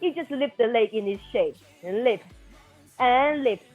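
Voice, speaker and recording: Speaking at a measured pace with lively intonation, this aerobics instructor's voice is a little high as she counts and calls moves for a floor workout class. She is encouraging and motivating; the recording is dull lo-fi, with music in the background.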